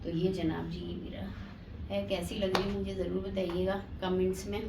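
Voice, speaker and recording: A woman chats to her viewers in a casual family vlog, keeping her voice at an ordinary middle pitch. She films on a handheld phone. Steady background noise runs under her voice. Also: moderate pace, gravelly. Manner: chatty, addresses viewers as "janab". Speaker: family vlogger. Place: at home and at a family birthday party.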